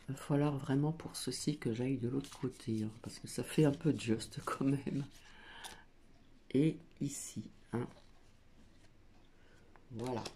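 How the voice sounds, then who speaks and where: A woman's voice: a bass voice, dark tone, slight background noise. A woman doing a casual spiritual card reading at a small table at home, hesitant with many fillers as she reads card texts aloud. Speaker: oracle card reader.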